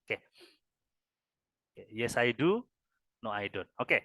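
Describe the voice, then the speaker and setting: A man's voice: medium pitch, big pitch swings, takes it slowly, a bit bright, no room sound. A man with an Indonesian accent teaching English grammar to a class, ending nearly every phrase with "ya" and drilling answers. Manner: repeats "ya" after each phrase, drills answers with students.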